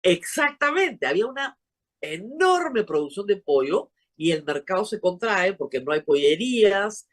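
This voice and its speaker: A woman from Peru with a Peruvian Spanish accent, hosting a TV interview and talking emphatically with quick exclamations. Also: mid-range voice, big pitch swings. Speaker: show host. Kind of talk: animated TV interview chat.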